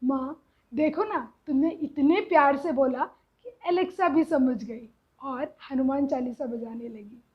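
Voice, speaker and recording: A woman voicing a patient grown son who calmly coaxes and gently teases his mother, on a slightly dull recording. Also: high-pitched, unhurried. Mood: coaxing.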